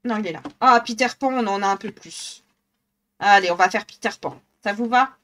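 A woman's voice: mid-range voice, normal speed, fairly bright tone. A woman with a northern French accent streaming live, chatting casually and thinking aloud as she colours, laughing often. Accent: northern French (ch'ti).

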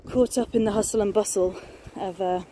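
Holding her phone at arm's length, a woman in her thirties chats eagerly as she walks through woods and onto a beach for her nature vlog, peppering her talk with fillers. She speaks briskly in a mid-range voice with fairly even intonation. Distant planes and outdoor ambience come through the noisy phone audio.

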